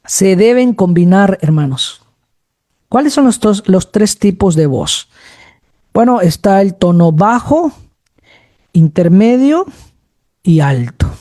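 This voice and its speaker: A man preaching a sermon, speaking slowly and moving between low, middle and high tones, often addressing his listeners as brothers. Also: big pitch swings, mellow.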